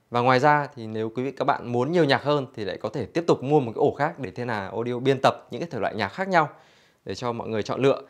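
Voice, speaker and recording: Male store demonstrator, mid-pitched. Infomercial-style walkthrough, explanatory and conversational, speaking to customers. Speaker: product demonstrator for an audio store. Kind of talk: product demonstration, infomercial-like sales presentation.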